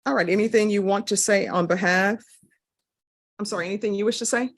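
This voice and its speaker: A woman serving as judge works through formal questions at a quick clip in a courtroom recording. Her voice sits at an ordinary middle pitch, and her manner stays brisk and businesslike. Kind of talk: formal plea hearing questioning.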